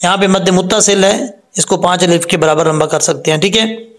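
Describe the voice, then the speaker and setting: A man teaching Quran recitation, explaining each sound patiently step by step and chanting the verses slowly. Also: high voice. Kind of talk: tajweed lesson with recitation.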